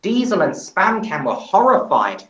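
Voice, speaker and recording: A woman reading a story aloud on a livestream, lively and unhurried. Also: medium pitch, roomy sound, low-quality recording.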